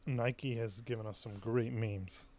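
A man's voice: fairly low pitch, steady tone, measured pace, a little mellow, a little hiss or hum. Rambling, jokey young man in casual chat. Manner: rambling, jokey, with bursts of mock outrage. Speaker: podcast co-host.

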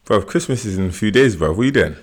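Podcast co-host: young man, lowish voice with big swoops, London roadman accent, emphatic slangy banter. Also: animated, fast talker. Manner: slangy urban British street talk with emphatic repeats. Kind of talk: casual bantering chat.

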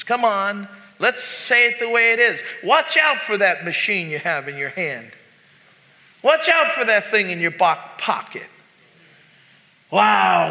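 A male pastor preaching a sermon in a church, swinging between loud exhortation and hushed lows. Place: church sanctuary. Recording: long church reverb.

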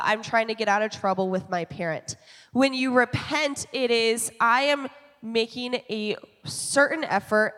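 A woman's voice: medium pitch, a bit bright, big-room sound. A woman in her twenties, a youth pastor on a panel, explaining in an encouraging way with everyday examples. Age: 20s. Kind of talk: panel Q&A teaching.

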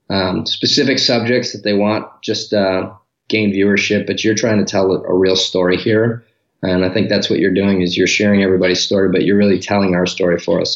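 Relaxed, candid male guest from Detroit; low voice, echoey, slightly muffled home-office audio. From Detroit, Michigan, US. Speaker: podcast guest. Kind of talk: casual interview talk. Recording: roomy, dull remote audio.

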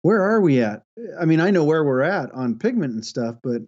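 A man's voice: on the high side, sing-song, normal speed, darkish tone. A man co-hosting a podcast in casual, easygoing, joking chat. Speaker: podcast co-host. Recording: slightly dull, lo-fi audio.

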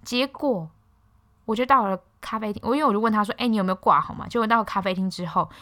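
A young woman from Taiwan hosting a casual solo podcast, telling stories in an animated, exasperated way with sharp quips. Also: medium pitch, fast talker. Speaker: podcast host.

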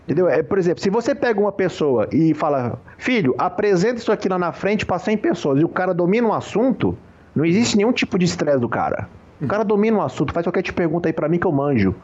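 A man speaks casually as a guest on a poker interview, easy and slangy, always checking that the listener follows. His voice sits a bit high for a man. The recording is muffled and dull. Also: racing. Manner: relaxed, slangy, says "cara" and "entendeu" often. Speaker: professional poker player, guest.

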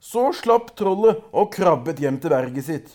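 A man reading a folk tale aloud in a lively storytelling way, with small hesitations. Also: on the high side.

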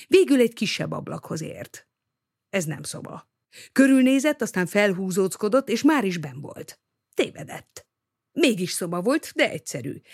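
An audiobook reader reading a novel aloud in a lively, expressive way. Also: mid-range voice, creaky, no room sound, clean studio sound.

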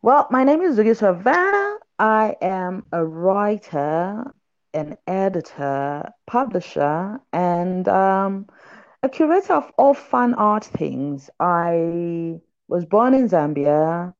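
A woman writer who is a podcast guest, chatting in a lively storytelling way and reading aloud from her book. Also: lowish voice, slow pace, highs cut off.

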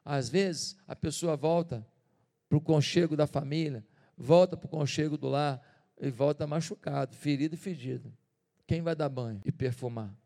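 Brief: pastor, animated sermon storyteller, high-pitched, big church echo. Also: male voice, moderate pace, gravelly. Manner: animated storytelling, dramatic shifts of volume. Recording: reverberant church hall.

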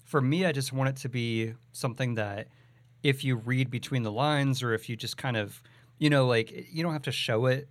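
This podcast co-host chats casually about a movie, thinking aloud and leaning on plenty of "like"s and "you know"s. His voice is mid-range with fairly even intonation and a moderate pace. There's no room sound.

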